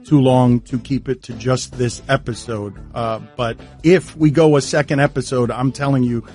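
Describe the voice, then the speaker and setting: A man's voice: medium pitch, fairly even intonation, normal speed, a little mellow, soft background music. A man hosting a sports interview podcast, talking casually and introducing his guest. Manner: conversational, reads ad promos. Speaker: podcast host.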